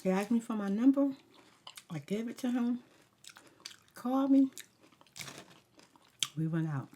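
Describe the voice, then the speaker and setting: A woman's voice: a little high, animated, measured pace, mellow, slight background noise. A woman ASMR vlogger rambling through a casual story time, talking candidly and emphatically with slangy asides and advice.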